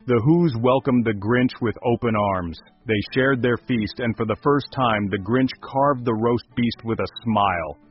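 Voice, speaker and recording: A man narrating a scripted storybook in an even, smooth manner, over a dull recording with faint music. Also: mid-range voice, a little slow, hardly any pauses, no echo.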